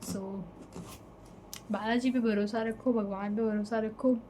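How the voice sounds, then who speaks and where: This young vlogger from Delhi speaks slowly in a fairly high, steady, mellow voice as she shares an emotional storytime, chatting casually with English fillers mixed in. Slight background noise runs through the rough recording.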